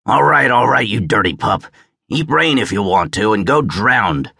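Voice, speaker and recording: A man voicing a rough, scornful boat driver who shouts across the rain. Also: lowish voice, lively intonation, normal speed, no echo, studio quality, full character voice.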